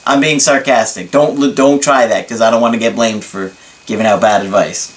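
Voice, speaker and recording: A man giving dating advice to camera, slow and emphatic, reading viewer emails aloud and adding sarcastic asides. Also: mid-range voice, steady tone, low-quality recording. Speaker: dating coach. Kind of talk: talking-head advice video.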